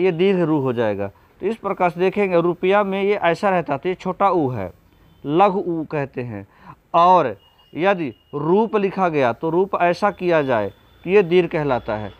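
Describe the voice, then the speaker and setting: A man's voice: sits high, no room sound, muffled recording. A man teaching an exam-prep spelling lesson, patiently going through correct and incorrect word forms and addressing viewers as friends.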